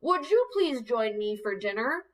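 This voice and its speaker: A woman voicing a grumpy, loud male troll in a picture-book read-aloud, yelling and grumbling. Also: on the high side, big pitch swings, measured pace, far from the mic. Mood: polite.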